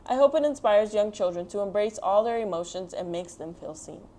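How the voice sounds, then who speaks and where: Addressing young listeners directly, a woman leading a children's picture book read-aloud explains things with simple, encouraging language. She talks briskly in a mellow, middle-pitched voice, with slight background noise.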